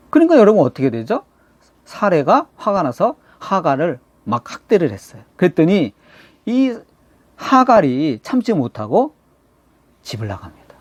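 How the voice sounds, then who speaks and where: A man preaching a Sunday sermon as pastor, acting out the people in the story and dropping now and then to a hush. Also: a little high, moderate pace, long pauses, no echo, lo-fi sound. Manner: animated storytelling preacher who acts out quoted voices, swinging from loud to hushed.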